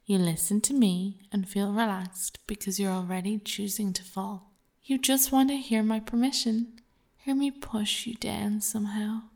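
A woman reading a scripted hypnosis narration in a measured, soothing, persuasive way. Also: mid-range voice, gravelly, a little mellow.

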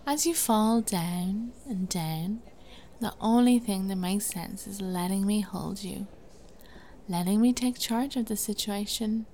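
A woman playing an imperious, seductive princess hypnotist in a soft ASMR role-play, speaking slowly and closely, right in the listener's ear. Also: medium pitch, a little hiss or hum. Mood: soothing, hypnotic.

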